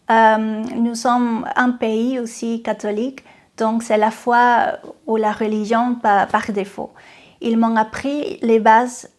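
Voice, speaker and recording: Speaking to camera, a woman from Venezuela shares her personal testimony in Venezuelan-accented Spanish. Her pitch is fairly high and her tone darkish. She's earnest and takes her time, with frequent pauses and false starts over faint background music.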